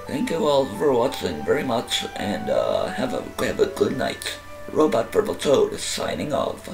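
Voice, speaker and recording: A gamer putting on a low, flat robot voice to sign off a let's-play video. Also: measured pace, vocal fry, music in the background, exaggerated voice, rough recording. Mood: stiff robotic. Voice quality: lowered, flat robotic monotone. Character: low slow robot announcer signing off. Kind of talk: let's play video game commentary outro.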